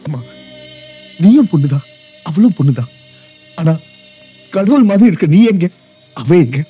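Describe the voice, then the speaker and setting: A grieving, bitter young son. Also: male voice, a little high, very animated, moderate pace, slightly rough, muffled recording, soft background music, exaggerated voice. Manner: emotional, pleading, tearful. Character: grieving young adult son, bitter toward his birth mother. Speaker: grown son Sathya.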